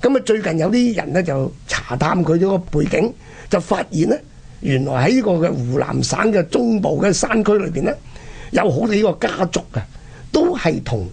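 This history programme host from Hong Kong narrates in an animated, colloquial way, asking rhetorical questions as he goes. His voice sits high yet sounds gravelly, slightly rough, and darkish in tone.

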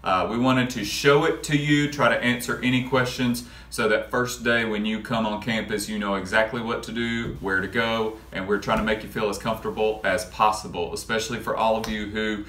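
A man in his thirties talks to students in a relaxed, friendly way, with a few "uh" fillers between phrases. His voice sits fairly low. The office around him gives it a roomy echo, and he sounds a little off-mic. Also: brisk, hardly any pauses, far from the mic. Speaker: school administrator. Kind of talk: casual video announcement. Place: school office, indoors.

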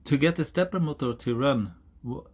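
Halting and self-correcting, a hobbyist YouTuber from Norway in his forties walks through a hobby project in Norwegian-accented English. His voice is mid-range and slightly rough. The casual DIY explainer begins on a hilltop outdoors and continues at an indoor workbench.

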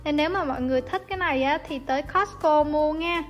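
High-voiced chatty woman. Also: fast talker. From Vietnam. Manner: chatty, friendly step-by-step explaining. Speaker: cooking vlogger. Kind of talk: casual cooking voice-over. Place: home kitchen. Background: soft background music.

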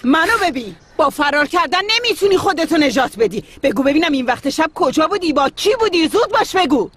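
A woman's voice: high voice, animated, a bit bright. An actress dubbing a worried middle-aged mother who scolds and pleads with her daughter, in a TV drama dub. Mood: scolding. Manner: scolding, then soothing.

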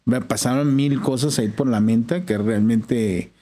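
A podcast guest with a Mexican accent tells a long personal story in casual slang, acting out the quoted dialogue. His mid-range voice is mellow and a little slow.

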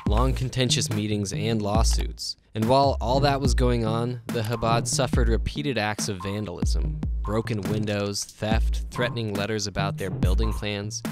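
A man reading scripted documentary narration in a measured, even way. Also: lowish voice. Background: music.

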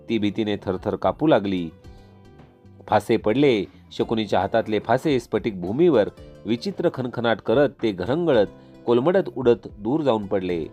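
A man narrating an epic tale in a measured, dramatic reading. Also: lowish voice. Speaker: storyteller. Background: soft instrumental music.

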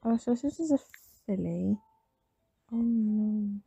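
A woman who has just woken up, with a slightly raspy morning voice, giving casual commentary while playing a game. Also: mid-range voice, slow, dark tone, no room sound, rough recording. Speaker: gamer narrating gameplay.

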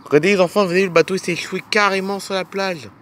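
Man narrating a toy film, slightly high. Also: steady tone, fast talker, a bit bright, a little hiss or hum. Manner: enthusiastic, pointing things out, repetitive.

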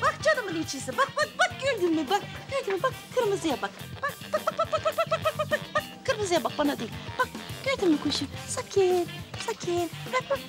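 A woman's voice: extremely high pitch, big pitch swings, loud music behind the voice. A fussing, doting village woman. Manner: fussing, doting and quick to take offence. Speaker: Meryem, an older village woman. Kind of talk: TV comedy drama acting.

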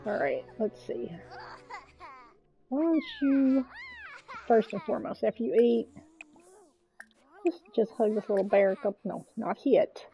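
A woman's voice: on the high side, expressive, a little slow, gravelly, long pauses, muffled recording, faint music behind. A woman streaming a game, chatting casually and coaxing her game characters, with mild swearing. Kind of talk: casual gameplay commentary.

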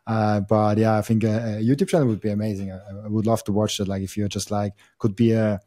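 The host, a young Austrian man, has a lowish, mellow voice with a steady tone and talks fast. His casual podcast interview is full of hesitations, fillers and restarts. Recorded through a boom mic on an arm in his home studio, the sound is dry and studio-clean.

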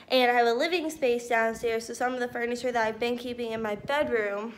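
A young woman in her twenties with a slightly high voice chats upbeat as she walks through a bare apartment with a phone camera. The empty rooms ring with echo, and a faint hiss sits underneath. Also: steady tone, brisk. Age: 20s. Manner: chatty, upbeat, says "cute little" a lot. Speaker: vlogger. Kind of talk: casual house-tour vlog. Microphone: handheld phone camera.

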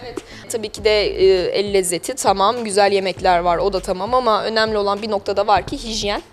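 With a mid-range voice, fairly even intonation, and a fast pace, she hosts a local television interview with business owners. Her manner is chatty, polite, and verbose, and background music accompanies her.

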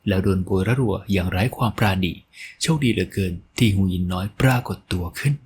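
Low-voiced male audio-novel narrator. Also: a little fast, darkish tone, slight background noise. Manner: dramatic storytelling. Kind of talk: scripted narration.

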